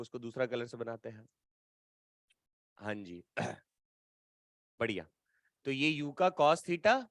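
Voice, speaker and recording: A man's voice: mid-range voice, a bit bright, dry recording, studio quality. A man teaching physics in a lecture, explaining step by step and teasing his students with playful colloquial asides. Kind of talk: classroom lecture at a whiteboard.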